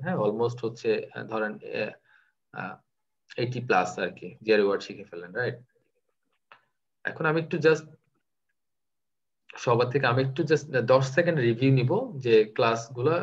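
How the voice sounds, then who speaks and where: Guy teaching vocab on a video call, teasing and playful, dull lo-fi audio. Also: mid-range voice. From Bangladesh. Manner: playful and teasing, mixing in English words. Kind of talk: live online class.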